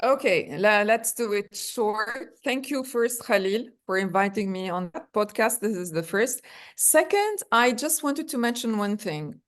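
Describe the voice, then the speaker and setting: A woman's voice: medium pitch, lively intonation, unhurried. A woman from Lebanon, a podcast guest speaking in a conversational interview, often searching for words and restarting.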